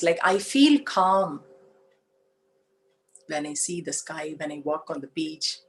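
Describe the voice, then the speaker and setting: A woman with an Indian English accent giving a spiritual talk, explaining slowly with everyday examples and asking the audience questions. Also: mid-range voice, darkish tone, poor audio. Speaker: spiritual teacher.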